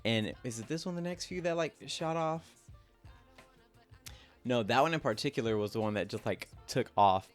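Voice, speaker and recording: A man's voice: medium pitch, moderate pace, pauses often, soft background music. A young man casually talking through his own drawings as host, rambling and self-critical, with lots of "like" fillers. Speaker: artist and channel host.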